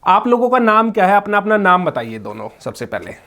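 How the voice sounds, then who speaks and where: A man's voice: high-pitched, sing-song, fairly quick, a bit bright. A male local news reporter marvelling aloud as he quizzes children and talks to their mother. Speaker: news reporter interviewing a family.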